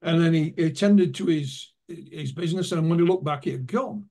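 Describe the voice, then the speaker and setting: Higher-voiced male author telling stories. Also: moderate pace, a little mellow. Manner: anecdotal, retells witnesses' words. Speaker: author and guest. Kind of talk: interview storytelling.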